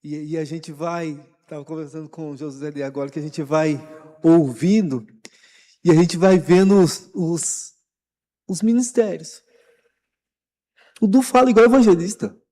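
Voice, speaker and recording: In a church hall with long reverb, a Brazilian Portuguese-accented pastor leads a Bible study as an informal sermon, talking animatedly and repeating words to encourage the church. His mellow voice sits on the high side, at normal speed with long pauses.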